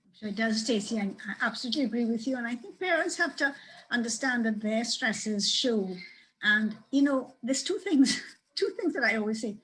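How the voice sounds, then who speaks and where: Trinidadian woman moderator, higher voice, firm and brisk, faint hiss. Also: animated, a bit bright, low-quality recording. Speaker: webinar moderator. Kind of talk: moderating a panel discussion. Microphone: video call.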